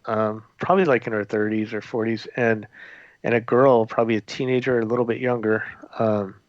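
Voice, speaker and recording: A man's voice: lowish voice, little pitch movement, brisk, no room sound. A man, a former theme park custodian, telling a story in a conversational, rambling way with many fillers and restarts. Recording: dull lo-fi audio, dry.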